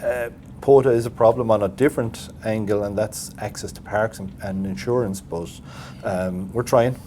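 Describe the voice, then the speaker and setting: Male, West of Ireland accent, lowish pitch. Conversational society officer, thinks aloud haltingly, faint noise behind. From Galway, Ireland. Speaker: president of a voluntary radio society. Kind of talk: casual interview chat. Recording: steady background noise with low rumble.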